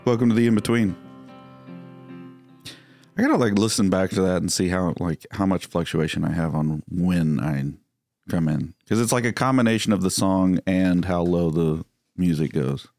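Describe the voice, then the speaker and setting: A man hosting a casual church podcast, quick with jokes and banter. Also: deep voice, a little mellow, soft background music. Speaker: podcast host. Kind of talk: casual chat.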